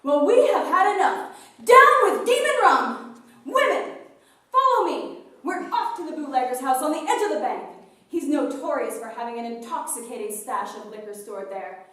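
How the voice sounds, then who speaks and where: Actress as prim, indignant temperance zealot, high voice, live stage monologue, heavy echo. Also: female voice, moderate pace, darkish tone, lightly acted. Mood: rousing, militant. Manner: preachy, indignant, declamatory. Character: prim, fiery temperance crusader woman, village ghost. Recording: very echoey, distant live performance recording.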